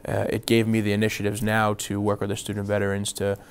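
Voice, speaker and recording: Steady man with a very smooth, clear voice. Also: fairly low pitch, fast. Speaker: Air Force member and student veteran. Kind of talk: interview testimonial.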